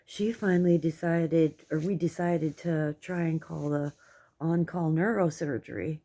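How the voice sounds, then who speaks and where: A woman's voice: low voice, steady tone, measured pace, mellow. A middle-aged American woman with toothless speech, giving a rambling, candid personal update in casual, coarse words. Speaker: vlogger.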